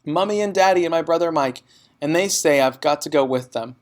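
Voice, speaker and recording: A young girl from a storybook played by a man, pitched up and loud. She is impulsive and distraught, exclaiming and begging with eager urgency. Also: brisk, lightly acted. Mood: panicked.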